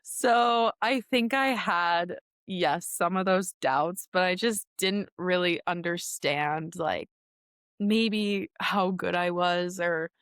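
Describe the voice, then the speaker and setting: A young woman from Minnesota, a hockey player answering interview questions in a chatty, relaxed way with frequent laughs and restarts. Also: lowish voice, slow pace, smooth, dry recording, clean studio sound. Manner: chatty, laughs often, many ums and restarts. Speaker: guest, pro hockey player. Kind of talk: casual interview talk.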